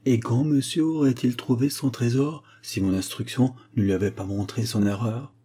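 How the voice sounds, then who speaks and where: A man voicing a pompous, educated young man who lectures his companion and is quick to take offense. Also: medium pitch, fairly even intonation, warm tone, slightly rough, lightly acted. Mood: lecturing. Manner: lecturing, indignant.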